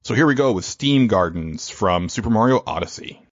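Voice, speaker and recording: A man hosting a podcast in a measured radio-style voice, with the occasional filler. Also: on the low side, animated, lo-fi sound, noisy background. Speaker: podcast host.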